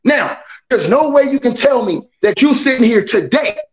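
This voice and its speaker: Male sports panelist, very high voice, loud, opinionated, teasing, argumentative. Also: animated, moderate pace, poor audio. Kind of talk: heated sports debate.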